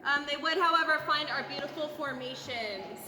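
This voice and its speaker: A woman leads a guided tour in a high voice, with a folksy, joking way of explaining things. Her voice echoes through a cavern with long reverb. Music plays clearly behind her. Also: normal speed. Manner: jokey, folksy. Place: inside a large underground cavern.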